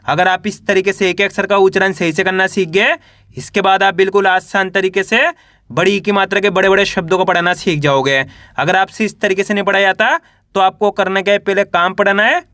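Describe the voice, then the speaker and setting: Male reading teacher, high bright voice, slow syllable-by-syllable delivery, close dry mic. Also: no room sound. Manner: spells each syllable slowly, then says the whole word; addresses viewers as friends.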